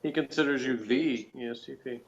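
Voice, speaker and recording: Co-hosting a TV review, a man chats casually about an episode, joking, teasing, and using slang. His medium-pitched, creaky voice runs a little fast, and the recording has its highs cut off.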